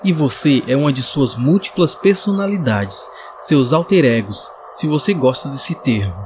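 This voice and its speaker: A man's voice: mid-range voice, expressive, moderate pace, a little mellow, a little hiss or hum, lightly acted. Man voicing a hesitant young reporter woman. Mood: probing. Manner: pleading, hesitant. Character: frightened young female journalist, earnest. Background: music.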